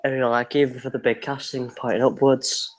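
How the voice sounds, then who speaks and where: A man's voice: mid-range voice, flat delivery, fairly quick. A man co-hosting a live reaction stream, chatting casually in an easygoing, rambling way. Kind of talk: casual chat.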